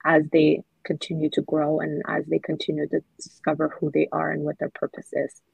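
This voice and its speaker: A woman from Somalia, whose first language is Somali, answering interview questions earnestly and measuredly with soft fillers. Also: low-pitched, completely flat delivery, a little fast, gravelly, husky, dry recording, poor audio. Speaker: children's book author, guest.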